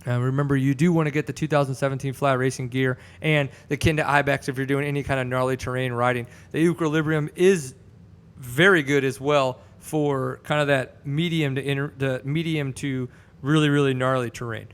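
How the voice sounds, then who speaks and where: A man in his thirties hosts a casual podcast from a studio set with a couch, speaking into a boom mic. His medium-pitched voice is clear and resonant, brisk and steady, and he stays upbeat, swearing casually as he chats and reads sponsor spots.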